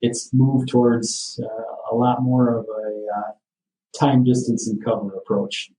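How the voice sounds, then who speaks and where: Relaxed man, far off in a roomy space. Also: mid-range voice, measured pace, a little hiss or hum. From Michigan. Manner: easygoing, matter-of-fact, with frequent "you know". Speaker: sheriff's office captain, guest. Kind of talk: casual podcast interview. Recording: roomy, distant from the mic.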